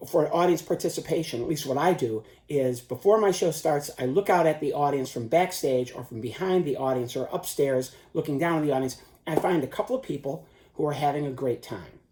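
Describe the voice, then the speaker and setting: A man's voice: fairly high pitch, fairly quick, warm tone. A man giving an informal instructional talk as a performer, stressing his points with emphatic repetition. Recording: roomy, echoing sound.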